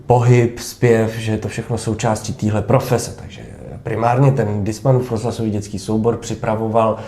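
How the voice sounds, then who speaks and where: In an echoey theatre backstage room, an actor in his thirties answers interview questions thoughtfully, hesitating and restarting along the way. His voice is fairly low and dark, with little pitch movement.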